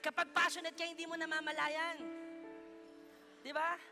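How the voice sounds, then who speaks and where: High-voiced Filipino pastor preaching. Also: male voice, moderate pace, soft background music. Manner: lively preaching with playful asides to the congregation. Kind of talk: sermon. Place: church hall.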